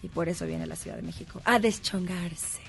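Chatty actress from Mexico City. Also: female voice, low voice, creaky, a crowd in the background. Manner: animated, laughing, quick storytelling. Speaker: actress guest. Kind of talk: casual interview chat.

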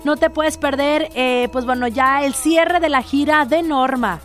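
Northern mexican lady on radio, chatty co-host, really high voice, bit of music behind. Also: measured pace. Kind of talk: chatty radio promos and banter.

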